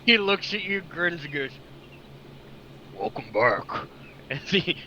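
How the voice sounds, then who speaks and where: A man's voice: high voice, moderate pace, sharp tone. A young man running a tabletop game as game master, casual and laughing, swearing now and then. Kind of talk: narrating a tabletop game over voice chat. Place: home with chickens nearby. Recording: dull lo-fi mic with faint noise.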